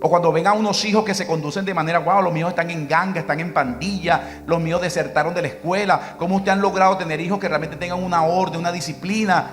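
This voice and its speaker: With faint music behind him, a middle-aged pastor from Venezuela recounts a personal story in his sermon, voicing his wife's lines as dialogue in a Venezuelan Spanish accent. His voice sits high and a bit bright. He speaks quickly and steadily, with few pauses.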